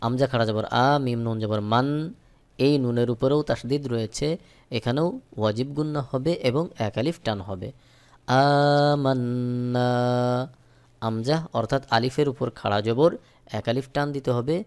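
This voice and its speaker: A man teaching Quran recitation, who spells out each letter with its vowel mark and then draws the recited word out slowly. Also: medium pitch, darkish tone. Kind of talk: spelling-out tajweed lesson.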